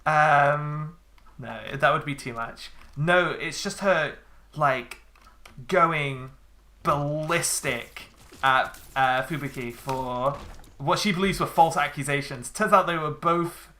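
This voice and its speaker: A woman streaming a game, chatting casually with a friend, swearing freely and filling pauses with ums. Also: low voice, fairly bright tone. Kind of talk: casual chat while gaming.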